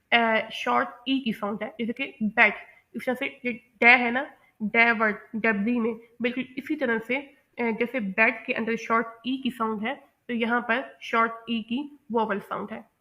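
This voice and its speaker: A woman teaching English pronunciation in a patient, explanatory way, repeating each example word slowly. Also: a little high, bright, forceful tone. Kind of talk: explanatory lesson.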